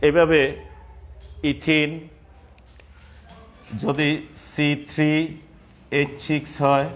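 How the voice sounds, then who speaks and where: A man teaching a chemistry class, repeating terms slowly and spelling out formulas step by step. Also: fairly high pitch, monotone. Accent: Bangladeshi Bengali. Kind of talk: classroom lecture.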